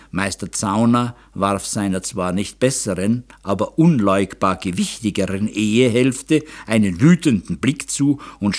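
A man narrating an audiobook in a lively, expressive storytelling manner. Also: mid-range voice. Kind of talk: scripted narration.

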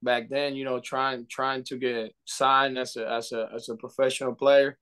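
A young man speaking English with a Dominican Spanish accent, a baseball coach answering an interviewer over a webcam. He talks earnestly at a middle pitch, often restarting phrases and filling with "you know". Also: level tone, moderate pace, fairly bright tone, smooth. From Dominican Republic. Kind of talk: video call interview. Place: indoor room. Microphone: webcam on video call.

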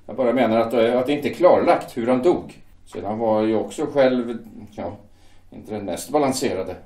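A man with a warm, mid-range voice that sounds close to everyday speech, recorded from a distance in a reverberant space. He's doing amateur audio drama as Erich, the older brother, a shipyard foreman turned party loyalist who earnestly and persuasively defends joining the party to his brother.

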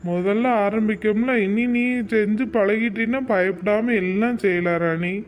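A man's voice: high voice, fairly even intonation, moderate pace, lightly acted. A man voicing a reassuring, caring husband in a cartoon, coaxing and chatty.

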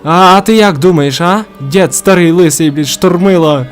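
With soft music behind him, a man with a high voice talks at a moderate pace through his let's play of a horror game. He swears constantly, is easily spooked, and lets out yelps when startled.

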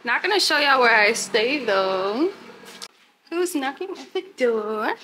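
A young woman vlogging casually to her viewers from a hotel room and balcony, chatty and animated, filmed on a phone held at arm's length. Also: on the high side, unhurried, slight background noise. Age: young adult. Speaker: travel vlogger. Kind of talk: casual vlog to camera. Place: hotel room and balcony at night, outdoors by a city street. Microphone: handheld phone camera at arm's length.

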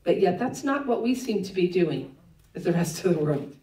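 A woman pastor preaching a sermon to her congregation, conversational and teasing, with quick laughs in her asides. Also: on the low side, very animated, dark tone, far from the mic. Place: church sanctuary. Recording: echoey church room, voice a bit off-mic.

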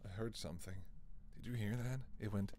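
A man's voice: fairly low pitch, fairly quick, warm tone, slight background noise. A young man streaming a horror game live, jumpy and swearing, laughing at his own fright.

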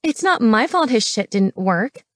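A woman doing a shrill, spiteful young woman. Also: sing-song, unhurried, no echo. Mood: sneering. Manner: shrill, screaming. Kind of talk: audiobook character voice.

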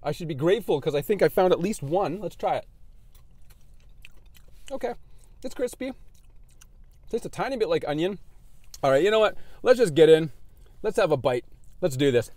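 A man chatting casually while reviewing fast food in his car, animated and laughing often. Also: fairly high pitch, no room sound. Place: in a parked car.

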